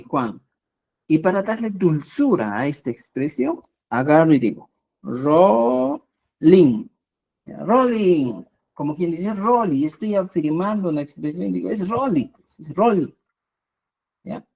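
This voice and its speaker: A woman teaching a live online language class in a lowish voice. She takes her time, repeats her key points, and keeps checking in with a quick "¿ya?". Her emphasis rises on each new term she introduces. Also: big pitch swings, mellow, husky. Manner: checks in with a constant "¿ya?"; slow, repetitive explanations with rising emphasis.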